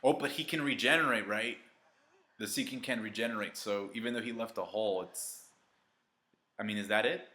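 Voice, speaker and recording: A man giving live reaction commentary on an anime episode, exclaiming and cheering at the screen, then reviewing more calmly. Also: fairly low pitch, a little fast, background noise. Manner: calmer reflective review toward the end.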